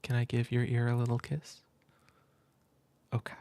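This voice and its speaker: A man speaking tenderly in a soft, half-whispered ASMR comfort roleplay, close to the mic. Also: medium pitch, monotone, normal speed, clear, resonant tone, no room sound. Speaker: ASMR creator.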